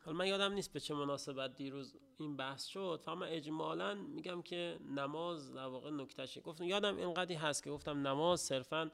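A middle-aged man delivers a religious lecture in a gravelly voice that sits a little high for a man. He talks haltingly, pausing and restarting, and then lifts into strong, emphatic stresses. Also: fairly bright tone.

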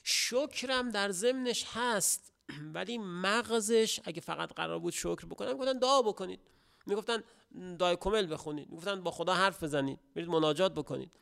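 A middle-aged man giving a religious lecture, speaking haltingly with pauses and restarts, then rising to emphatic stresses. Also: high voice, creaky, fairly bright tone.

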